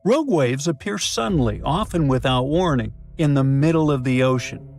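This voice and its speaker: A man giving scripted educational narration, lively and breaking in with playful asides. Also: medium pitch, moderate pace. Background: faint background music.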